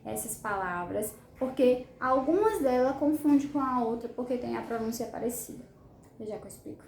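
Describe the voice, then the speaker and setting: A woman with a Brazilian Portuguese accent, teaching an English lesson and drawing out each word slowly so learners can repeat it. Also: a little high, expressive, vocal fry, a little mellow, reverberant, a little hiss or hum. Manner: slow, drawn-out model pronunciation of English words. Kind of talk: bilingual language lesson.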